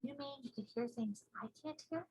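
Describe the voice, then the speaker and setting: Casting: woman to play a courteous young storybook girl, curious and soft-spoken, high light voice. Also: normal speed, lightly acted, low-quality recording. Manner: polite, questioning, proper speech.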